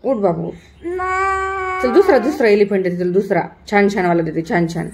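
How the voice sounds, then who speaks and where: At home, a young mother and vlog host from Maharashtra, India, coaxes her small children in a sing-song voice, repeating her words. She speaks briskly with a medium-pitched, animated voice, and the recording sounds roomy with a noisy background.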